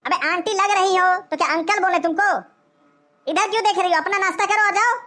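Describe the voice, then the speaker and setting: Woman voicing a rough, scolding cartoon sidekick. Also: extremely high pitch, fairly even intonation, a little fast, pushed and bright. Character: scolding young male sidekick friend. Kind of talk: cartoon voice acting.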